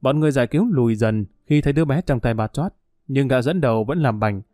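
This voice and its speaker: A man narrating a crime audiobook in a steady, dramatic way. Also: medium pitch, fast, no room sound, clean studio sound.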